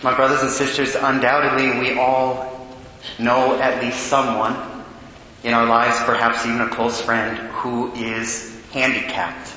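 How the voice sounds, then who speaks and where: An American man, a priest, reading the Gospel and preaching a homily in a solemn, measured way with deliberate pauses, his voice echoing like in a cathedral. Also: medium pitch, level tone, bright, forceful tone. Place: large reverberant church. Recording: echoing cathedral-like reverb, faint noise.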